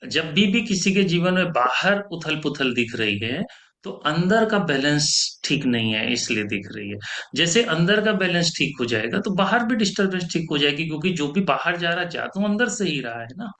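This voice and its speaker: Lively bright-voiced male meditation teacher. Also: on the high side, normal speed. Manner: explains with repeated examples, rises for quoted voices. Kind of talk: spiritual teaching talk. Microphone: podcast mic.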